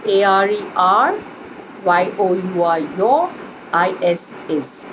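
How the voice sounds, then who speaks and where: Woman, Indian English accent, teacher drilling pronunciation, unhurried delivery, humming room noise. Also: on the low side, animated. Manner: slow, deliberate pronunciation drills. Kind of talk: spoken English lesson.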